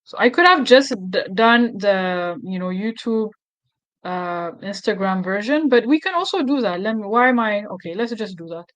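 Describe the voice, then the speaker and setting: A woman's voice: medium pitch, lively intonation, moderate pace, dry recording. A woman hosting a casual screen tutorial, thinking aloud with fillers and self-corrections. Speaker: tutorial host.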